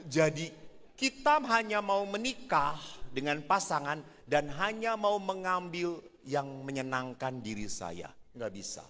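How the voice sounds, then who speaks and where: Animated joking priest in a reverberant hall. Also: male voice, mid-range voice. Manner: animated, joking, playful storyteller. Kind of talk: humorous sermon to married couples. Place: large church hall. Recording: reverberant church hall, faint ambience.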